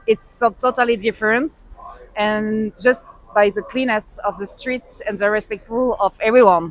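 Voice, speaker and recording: A woman with a French accent, speaking English hesitantly and pausing to search for words. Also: mid-range voice. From France. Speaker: interviewee. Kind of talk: casual street interview.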